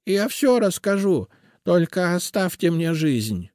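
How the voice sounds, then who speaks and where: A man voicing a terrified old female creature who pleads for her life, with a hoarse, shrill voice, in an audiobook. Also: very animated, a little mellow, no echo, clean studio sound, heavily acted. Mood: pleading. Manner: pleading, desperate, drawn-out.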